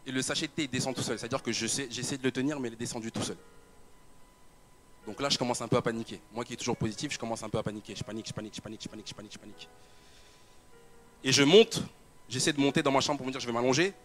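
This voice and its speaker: Over music, a young adult church member gives a personal testimony to an audience, telling his story in a mid-range voice at rapid-fire speed. He uses many repetitions and fillers.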